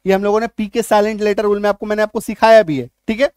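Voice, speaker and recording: A man's voice: high-pitched, level tone, fast, a little mellow, clean tone, no echo, studio quality. A man teaching an English spelling and pronunciation lesson, repeating key words and quizzing the viewer.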